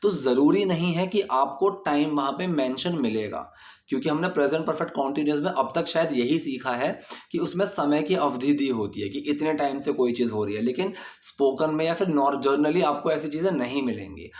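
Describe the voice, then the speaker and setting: A man teaching English grammar, reading example sentences slowly and explaining them patiently. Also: fairly high pitch, roomy sound. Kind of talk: explaining grammar in a video lesson. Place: indoors at night, dogs barking outside.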